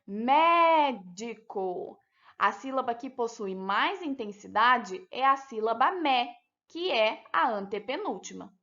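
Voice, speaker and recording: A woman teacher with a Brazilian Portuguese accent, talking children through a lesson with slow, clear, deliberate pronunciation. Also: on the high side, animated, sharp tone. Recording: dull lo-fi sound.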